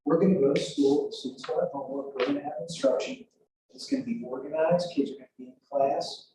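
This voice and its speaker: A man's voice: a little high, big pitch swings, fast, dark tone. A man addressing a school board at a public meeting in a blunt, self-described sarcastic way. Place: meeting room. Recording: echoey room mic from a distance with hiss.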